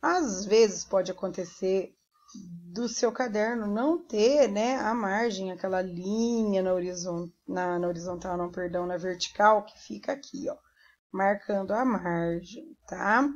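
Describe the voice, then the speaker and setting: A woman's voice: mid-range voice, a little slow, a little hiss or hum. A Brazilian woman teacher giving a primary school lesson, patiently spelling out sounds and syllables one by one. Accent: Brazilian Portuguese. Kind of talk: remote classroom lesson. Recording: dull lo-fi recording.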